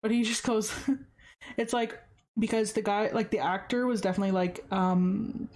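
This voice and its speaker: A woman's voice: mid-range voice, steady tone, moderate pace, darkish tone. A woman hosting a casual true-crime podcast, chatty and filling her sentences with "like". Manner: chatty, heavy use of "like" fillers. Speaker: podcast host.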